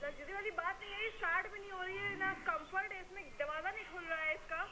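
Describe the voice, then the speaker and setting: A woman's voice: very high-pitched, fast talker, very noisy. A woman arguing and scolding in a heated casual exchange. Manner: scolding and indignant. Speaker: prank target.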